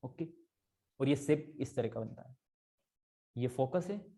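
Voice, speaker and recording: Mellow-voiced male math tutor. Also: medium pitch, lively intonation, measured pace. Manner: explains step by step, often checking if students follow; mixes in English math terms. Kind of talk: casual tutoring explanation.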